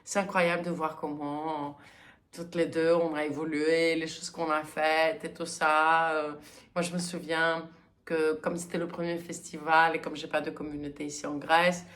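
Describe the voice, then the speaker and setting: A woman hosting her knitting podcast in a casual, chatty way, often pausing with hesitant fillers. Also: low voice, little pitch movement, fairly bright tone. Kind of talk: casual chat.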